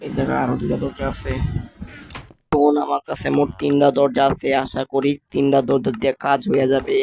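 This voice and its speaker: A young man, still a school student, commenting casually on his Minecraft build in a halting, stammering way, speaking slowly on purpose. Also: mid-range voice, completely flat delivery, gravelly, crowd noise. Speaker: gaming channel host.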